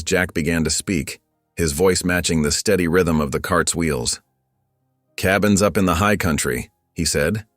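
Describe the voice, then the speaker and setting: A man with an extremely deep, low voice narrates a story in a calm, measured way. The recording is close and dry. Soft music plays faintly underneath. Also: dry recording. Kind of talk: scripted narration.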